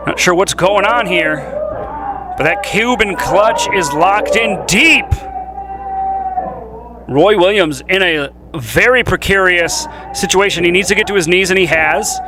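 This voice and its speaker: A man giving excited, pumped live play-by-play commentary as a wrestling announcer. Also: high voice, a little slow, pauses often, low-quality recording. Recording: loud music and crowd behind commentary. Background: loud music, crowd noise.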